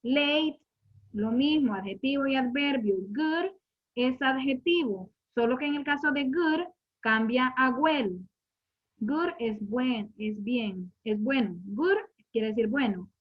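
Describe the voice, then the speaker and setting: High-voiced patient woman teaching a class. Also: slow. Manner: patient, repeats and quizzes students. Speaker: English teacher. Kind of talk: classroom lesson. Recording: muffled lo-fi recording.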